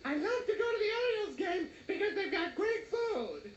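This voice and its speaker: A squeaky childlike middle-aged man. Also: very animated, moderate pace, reverberant, muffled recording, slight background noise. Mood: nervous, eager. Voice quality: high, innocent and eager. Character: simple-minded childlike 48-year-old man.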